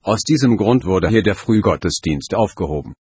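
A man voicing a gruff, stern monk guard who talks in a harsh, curt way. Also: low voice, animated, moderate pace, a little mellow, no room sound, clean studio sound, full character voice. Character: gruff male police monk, stern but kindly.

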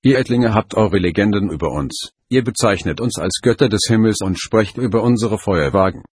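Ein Mann spricht eine ruhige, uralte Wesensstimme. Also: male voice, lowish voice, breathy edge, dry recording, clean studio sound. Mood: solemn. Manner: calm, measured. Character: ancient otherworldly male voice, calm and commanding.

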